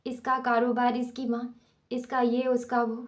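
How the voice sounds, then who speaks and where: A woman's voice: fairly high pitch, completely flat delivery, close to an everyday voice. A woman reading the part of a young wife who is indignant, ranting and sarcastic in an audiobook novel.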